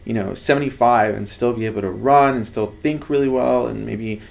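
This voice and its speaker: Earnest man with a gravelly voice. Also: mid-range voice, a little fast. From Los Angeles, United States. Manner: earnest, animated storytelling. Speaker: lab head researcher. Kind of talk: casual interview talk. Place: office with bookshelves, indoors.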